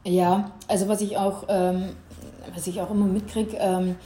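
A woman's voice: medium pitch, flat delivery, moderate pace, warm tone. A young woman giving an interview in a casual, earnest and persistent way, drawing on her own experience. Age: young adult. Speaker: interview guest. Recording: roomy echo.

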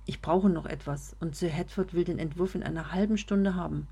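A woman voicing a stressed, exasperated young female office worker in a read-aloud story, in a low, husky voice. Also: fairly quick, dark tone. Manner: tense, exasperated.

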